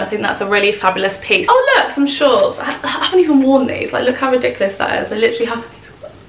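Sorting through clothes at home, a young woman fashion vlogger talks casually to camera and gushes over her outfits. She sounds a little high and a bit bright, and the recording carries a little hiss or hum, a roomy echo, and distance from the mic.

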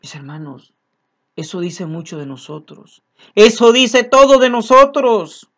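A man's voice: high voice, lively intonation, measured pace, fairly bright tone. A man preaching a sermon, earnest and repeating his key phrases as he speaks to his congregation as brothers.

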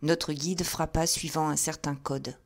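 A woman reads a classic novel aloud for an audiobook. Her voice sits a little low and her delivery stays steady and measured. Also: creaky. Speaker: audiobook reader. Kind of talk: scripted narration.

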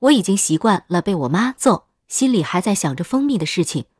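A woman narrates a creepy first-person tale in a steady, matter-of-fact scripted read. Her pitch sits in a middle range. The recording is dry and close, with no room echo. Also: fairly quick, breathy edge. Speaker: story narrator.

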